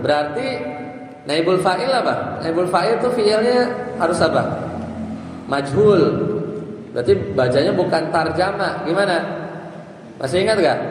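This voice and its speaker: A male Islamic teacher giving a grammar lesson, quizzing his listeners and chanting lines of Arabic text in a sing-song. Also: high voice. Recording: very echoey hall, faint background noise.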